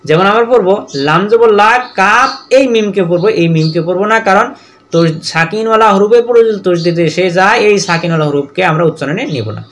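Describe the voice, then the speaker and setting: A man leads a Quran reading lesson. He spells out every letter and vowel mark one by one, then recites each verse in a slow, drawn-out way. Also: high voice, fairly bright tone.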